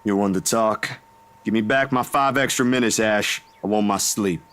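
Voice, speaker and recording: A man voicing a drowsy young man woken too early, talking in a plain, rough everyday way. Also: lowish voice, moderate pace, a bit bright, natural voice. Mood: grumpy. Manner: drowsy, grumbling, then earnest. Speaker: character dialogue in a visual novel voice dub.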